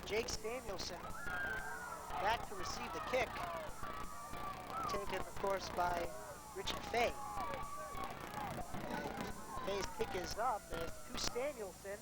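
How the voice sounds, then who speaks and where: A woman doing live play-by-play football commentary, with the excited delivery of a touchdown call. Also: mid-range voice, slow, pauses often. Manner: calls rise to excited shouts on big plays. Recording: noisy live outdoor game recording.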